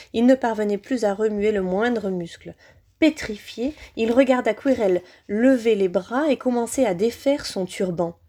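A woman reading a fantasy novel aloud in an expressive, dramatic narration. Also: a little high. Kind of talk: audiobook narration.

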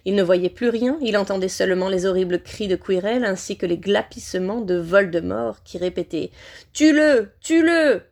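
A woman reading a fantasy novel aloud in an expressive, dramatic narration. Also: medium pitch, fairly quick, hardly any pauses. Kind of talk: audiobook narration.

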